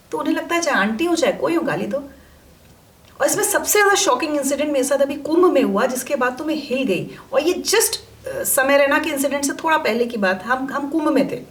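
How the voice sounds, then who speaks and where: A middle-aged woman, an interview guest, telling her stories with animated emphasis in a conversational interview. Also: high-pitched, echoey room. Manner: animated, emphatic storytelling, acts out quoted voices. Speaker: interview guest, media personality.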